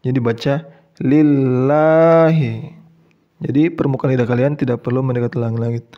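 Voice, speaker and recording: A man teaching Quran reading step by step, with an Indonesian accent, who speaks patiently, repeats each example and chants the key words drawn out and louder. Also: mid-range voice, fairly even intonation, rapid-fire, muffled recording. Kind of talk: slow step-by-step tutorial.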